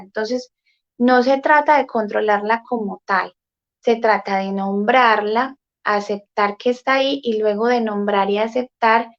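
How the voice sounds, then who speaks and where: A woman speaking as a guest therapist in an interview, explaining calmly and thoughtfully with frequent "eh" fillers. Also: on the high side, highs cut off.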